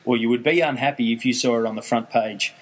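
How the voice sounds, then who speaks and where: A man's voice: mid-range voice, fairly even intonation, fast talker, low-quality recording. A man with an Australian accent hosting a casual chat, telling stories in a dry, wry way. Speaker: podcast host.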